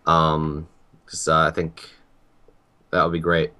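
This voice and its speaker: Calm young guy, super low voice but kinda bright, earnest chat. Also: slow pace. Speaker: guest. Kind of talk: casual chat.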